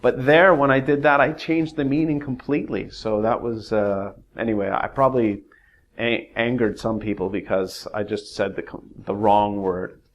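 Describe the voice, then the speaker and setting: A man's voice: fairly low pitch, fairly even intonation, normal speed, lo-fi sound. A man teaching a casual English pronunciation lesson, rambling and hesitant with many fillers. When reading verse, he uses exaggerated rises and falls.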